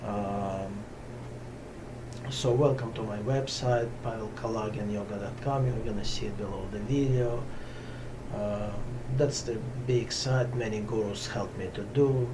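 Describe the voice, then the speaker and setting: In a fairly low voice, a middle-aged yoga teacher, Russian by first language, delivers a slow, unplanned talk to camera from a cramped, warm room in a Brooklyn home ashram. Pauses and fillers break up his speech as he gropes for words, and the far-off camera catches a steady hum of noise.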